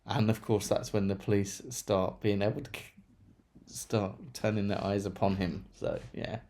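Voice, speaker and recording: A man's voice: lowish voice, level tone, moderate pace, mellow. A man chatting casually through a monthly book review, rambling with self-deprecating asides. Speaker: book vlogger.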